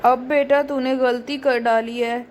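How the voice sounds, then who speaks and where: A woman's voice: high voice, level tone, a little slow, a little mellow, a little hiss or hum. A woman voicing a brave, sly young army officer in a doll story. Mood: cocky. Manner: cocky, playing innocent. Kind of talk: doll story role-play.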